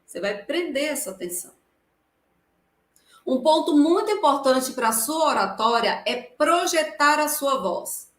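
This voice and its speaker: A woman with a Brazilian Portuguese accent, a lawyer giving a live lecture on public speaking, projecting her voice without a microphone and swinging between loud and soft for emphasis. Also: sits high, lively intonation, unhurried. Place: room with a live audience. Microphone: no microphone, voice carried across the room. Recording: echoey room, voice from a distance.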